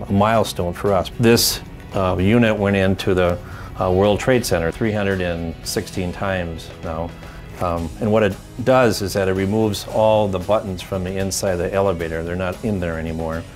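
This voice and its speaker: A man in his fifties speaks in a low, deep voice. He talks earnestly and at a measured pace, pausing on the odd filler, with faint music underneath. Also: fairly even intonation. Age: 50s. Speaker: company leader. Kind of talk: interview for local TV feature.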